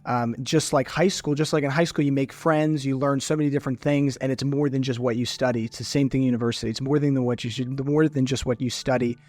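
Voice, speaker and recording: A man, an admissions counselor, giving advice in a halting way with many restarts. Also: mid-range voice, fairly even intonation, a little mellow, dry recording. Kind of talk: casual panel advice.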